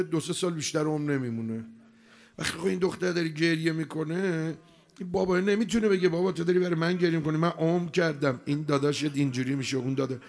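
A man with a fairly high voice preaches a mourning sermon. He is emotional, rising to loud cries and then dropping to a hush. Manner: emotional, swings from loud to hushed.

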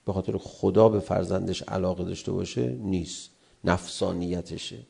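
Gravelly-voiced man preaching a sermon. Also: low voice. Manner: animated, acts out quarrelling spouses in raised voices. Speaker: cleric.

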